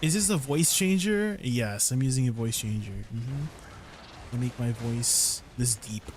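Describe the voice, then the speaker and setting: A young man streamer talks casually with viewers in a rambling, meandering way. His voice runs through a deep pitch-shifting voice changer. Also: measured pace, a little hiss or hum. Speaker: livestreamer.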